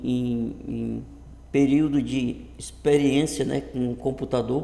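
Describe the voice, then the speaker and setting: In a very echoey, untreated home room, a man in his early fifties from Rondônia, Brazil, with a northern Brazilian accent, introduces his channel to a computer webcam setup. His mid-range voice is creaky and mellow, and he talks casually but haltingly, often repeating and restarting words.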